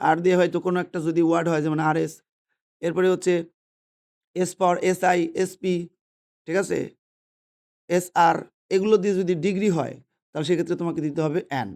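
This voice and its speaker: A man's voice: high-pitched, steady tone, fairly quick, long pauses, a little mellow. A man teaching a grammar lesson, patiently repeating himself and asking questions that he then answers. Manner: patient, repetitive, asks and answers his own questions. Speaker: English teacher. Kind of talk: explaining English grammar lesson. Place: indoors, holding a pen.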